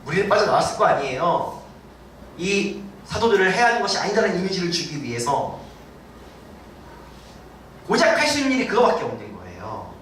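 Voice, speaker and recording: In a church sanctuary, a man preaching as senior pastor speaks in a high voice, a little fast and with frequent pauses. He's animated, putting questions to the congregation and performing quotes, captured from afar in a very echoey hall with slight background noise.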